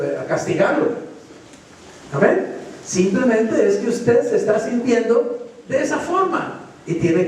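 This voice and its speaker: Colombian pastor preaching in an echoey hall. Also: male voice, high-pitched, darkish tone, slight background noise. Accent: Colombian Spanish. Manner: preaching with rhetorical questions to the congregation. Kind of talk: sermon. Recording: echoey church hall from far off.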